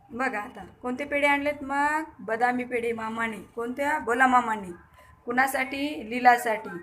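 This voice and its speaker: A woman's voice: on the high side, sharp tone. A woman teacher with a Marathi accent, reading a story aloud to young pupils, repeating lines, quizzing the children and acting out the characters.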